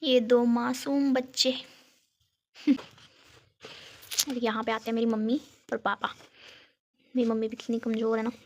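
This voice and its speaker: A woman's voice: fairly high pitch, completely flat delivery, moderate pace, long pauses, slight background noise. A young woman from Uttarakhand, chatting and giggling as she shows viewers a photo album, filmed on her phone at home. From Uttarakhand, India. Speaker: vlogger. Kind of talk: casual chat showing a photo album. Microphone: phone camera.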